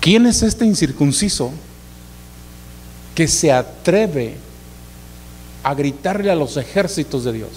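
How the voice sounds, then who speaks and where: A man's voice: on the high side, expressive, slow pace, long pauses, a little mellow. Guy doing a young shepherd fired up and indignant, echoey hall. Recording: reverberant hall, faint hum.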